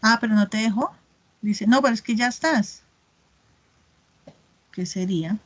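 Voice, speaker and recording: A woman teaching an online English class, explaining patiently, checking often that students follow, and saying example words slowly twice over. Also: fairly high pitch, dull audio. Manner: models words slowly and repeats them.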